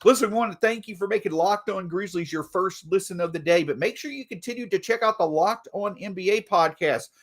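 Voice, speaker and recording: A man hosting a solo sports podcast, talking through team news in an animated way, a bit stuffy from allergies. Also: high voice, brisk, few pauses. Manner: animated, reads an ad mid-show. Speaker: podcast host.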